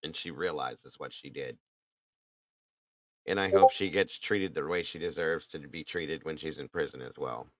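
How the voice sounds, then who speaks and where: Deep voiced guy ranting about a case, blunt, swears, dry mic. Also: normal speed, no echo. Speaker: true crime podcast host. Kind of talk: casual chat.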